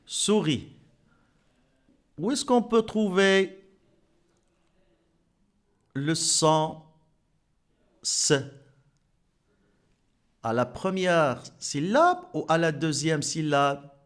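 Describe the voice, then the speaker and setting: A man teaching French to young children, patiently repeating words and clapping out their syllables. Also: on the high side. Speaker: primary school French teacher.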